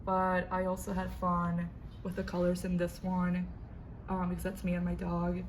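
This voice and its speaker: A young woman from Argentina, an art student, answering interview questions softly and a little hesitantly in a classroom. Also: lowish voice, completely flat delivery, moderate pace, slight background noise. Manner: soft-spoken, hesitant with fillers.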